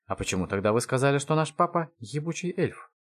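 A man's voice: medium pitch, expressive, fast, a bit bright, pitched above the performer's own voice, natural voice. A man voicing a curious older boy in a lightly raised, questioning voice.

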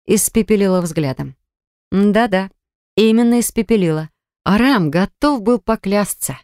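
A woman reading a novel aloud as an audiobook narrator, in a steady storytelling manner. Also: medium pitch, dry recording, clean studio sound. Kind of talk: scripted narration.

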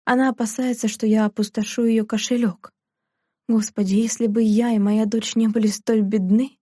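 A woman reading aloud, voicing a frail, injured mother who speaks weakly and softly. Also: fairly high pitch, level tone, moderate pace, no room sound, studio quality, natural voice. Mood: weak plaintive. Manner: weak, soft and plaintive. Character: frail, injured middle-aged mother, gentle.

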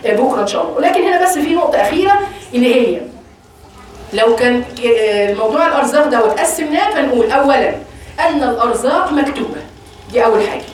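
A high-pitched woman with an Egyptian accent teaches a religious lesson to women. She talks fast and lively, posing questions to her listeners and answering them herself. Her voice sounds distant, caught in a very echoey room. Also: a little hiss or hum. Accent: Egyptian Arabic. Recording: echoey room, voice far from the mic.

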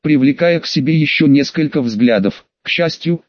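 A man reading an audiobook, voicing every character in the same steady narrating voice. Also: on the high side, moderate pace, dry recording, muffled recording. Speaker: audiobook reader. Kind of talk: audiobook narration of fan fiction.

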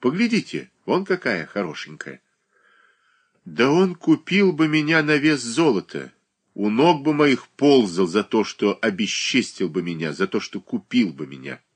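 A man's voice: mid-range voice, very animated, a little slow, breathy edge, voice pushed up. A man reading aloud, voicing a proud, bitter young woman who speaks with scorn and defiance. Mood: bitter scornful.

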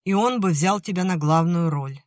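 A stern middle-aged uncle, read by a woman narrator, shouting and scolding in fury. The voice stays fairly low, close to the reader's own. The recording is dry and close, with no room sound. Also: normal speed, no echo, natural voice.

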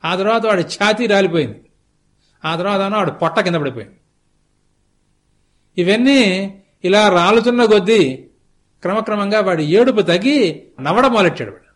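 A man giving a religious discourse, telling a story slowly and deliberately, repeating phrases as he goes. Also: high voice, animated. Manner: slow, deliberate storytelling with lots of repetition. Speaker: spiritual discourse speaker. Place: television studio.

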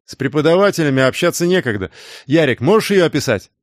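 A man reading the part of a brash, mocking older brother who flares into loud, exasperated outbursts. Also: a little high, animated, quick pace, dry recording, studio quality, voice pushed up, lightly acted. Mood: gruff.

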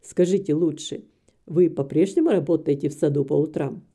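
A woman doing a reserved young gentleman. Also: sits low, moderate pace, slightly rough, voice pushed down.

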